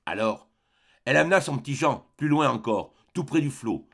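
Gravelly, expressive male audiobook narrator. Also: mid-range voice. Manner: measured, expressive storytelling. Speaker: audiobook reader.

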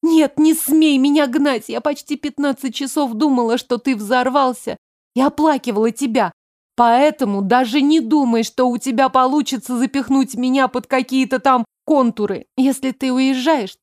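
A woman's voice: sits high, normal speed, dry recording, studio quality, close to an everyday voice. A woman voicing a fierce, stubborn young heroine who speaks with emphatic force. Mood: pleading. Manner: shouting, emphatic.

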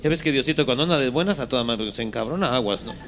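A man telling crude jokes with bursts of high squeaky character voices. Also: expressive, very fast, fairly bright tone, slight background noise.

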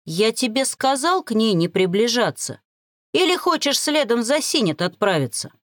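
A woman's voice: on the high side, very animated, moderate pace, dry recording, studio quality, voice pushed up. A woman voicing a domineering male warrior chief who growls curt demands. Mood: menacing.

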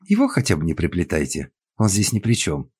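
A man voicing a dignified older woman in an audiobook, indignant and worried, with a husky voice. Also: low voice, wildly swooping pitch, brisk, a little mellow, dry recording, exaggerated voice.

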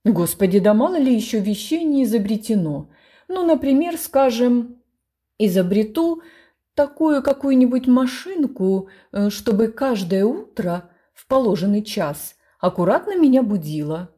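A woman voicing a fussy retired captain and father who talks loudly and rambles. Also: a little high, expressive, unhurried, breathy edge. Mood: blustering. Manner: loud, blustering, rambling.

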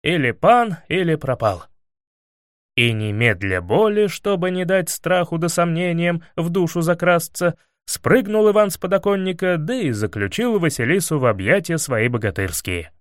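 A man narrating a fairy tale audiobook in a playful, expressive storytelling manner. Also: on the high side, moderate pace, no echo, studio quality.

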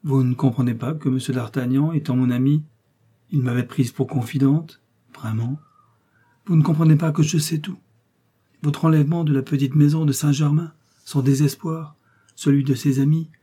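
Brief: deceitful noblewoman, dark and breathy tone, storybook reading, voiced by a man. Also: a little high, steady tone, moderate pace, voice pushed up. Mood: guarded. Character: scheming, deceitful noblewoman, cool and calculating.

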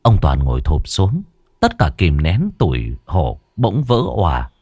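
A man narrating a scripted horror story in a dramatic, drawn-out storytelling manner. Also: low voice, huge pitch swings, darkish tone, slightly rough, no echo, clean studio sound. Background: faint music.

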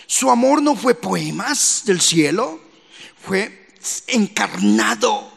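A man's voice: high voice, creaky, fairly bright tone. A man preaching a fervent sermon as pastor of a church, acting out the voices of people he quotes. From Colombia. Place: church sanctuary. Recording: long church hall reverb.

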